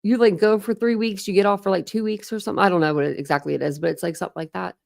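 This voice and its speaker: Talking rapid-fire in a medium-pitched, steady, gravelly and slightly mellow voice, an Ohio woman hosts a livestream with a Midwestern accent. She chats casually and rambles, restarting often and using "like" constantly.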